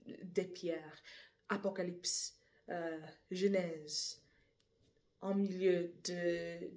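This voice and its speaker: With a slightly mellow voice on the low side, a young English-accented woman stumbles through reading the Bible aloud in a language not her own, frequently correcting herself. Afterward she drops into casual chat.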